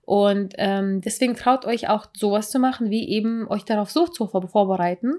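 A woman's voice: medium pitch, normal speed, a little mellow. A young woman co-hosting a podcast, chatting casually about dating tips in a rambling way. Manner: chatty, rambling, acts out quoted lines. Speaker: podcast co-host.

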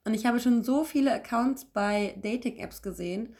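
A woman's voice: fairly high pitch, moderate pace. A young woman co-hosting a podcast, chatting casually and telling anecdotes with lots of fillers. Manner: chatty, animated storytelling with many fillers. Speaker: podcast co-host. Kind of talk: casual chat.

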